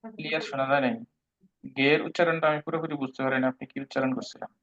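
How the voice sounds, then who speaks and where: A man's voice: a little high, little pitch movement, racing, a bit bright. A man teaching a live online language class, patiently explaining pronunciation step by step and mixing in English words. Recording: dull lo-fi online call audio.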